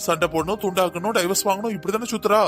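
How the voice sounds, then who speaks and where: A high, quick male voice for a man playing a cocky young cartoon policeman who argues every point. He presses his case in a hurried, insistent way over light music. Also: fairly bright tone. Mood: arguing. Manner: boastful, argumentative. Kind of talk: cartoon dubbing.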